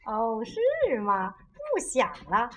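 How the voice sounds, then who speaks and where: A woman playing a fussy, doting old aunt in a children's radio play, speaking in quick exclamations and scolding often. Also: a little high, wildly swooping pitch, full character voice. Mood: reproachful.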